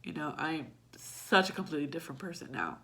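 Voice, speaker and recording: A young woman vlogger with a low-pitched voice speaks directly to her viewers in a personal vlog, bright, forceful, raw and blunt, swearing freely. She is very animated and talks briskly.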